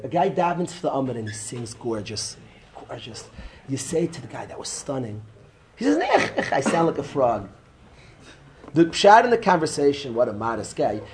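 With a voice on the high side, a man leads a casual Torah class as a yeshiva rabbi, animated and teasing students he calls by name. A little hiss or hum runs under the recording.

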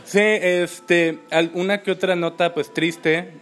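Informal Mexican man co-hosting, somewhat halting. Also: high voice, level tone, a bit bright, faint music behind. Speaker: podcast co-host. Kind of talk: casual chat.

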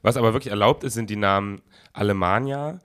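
A man with a fairly low voice co-hosts a casual comedy podcast, rambling through a self-mocking story. He chats easily with his friends, with loose, joking asides. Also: quick pace, a bit bright, clean tone. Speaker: podcast co-host.

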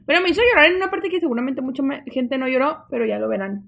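A young adult woman with a Mexican Spanish accent, co-hosting a casual podcast chat and telling stories in a lively, chatty way. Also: high voice, fast, creaky, lo-fi sound. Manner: animated, chatty storytelling. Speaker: podcast co-host.

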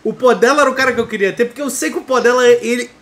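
A man co-hosting a casual podcast, an animated storyteller who mimics others in banter. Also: very high voice, racing, slight background noise. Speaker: podcast co-host.

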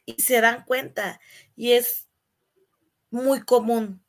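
A woman co-hosts a casual relationship podcast. Her voice sits slightly high, and she argues firmly, often acting out little quotations to illustrate a point. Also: fairly even intonation, takes it slowly. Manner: firm, explains with quoted examples. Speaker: podcast co-host.

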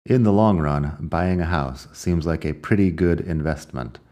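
A man with a very deep voice teaches English at an unhurried pace. He reads his English examples twice in an American accent and explains them patiently. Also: mellow. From United States. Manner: explains phrases slowly, reading each English example twice. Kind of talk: language lesson narration.

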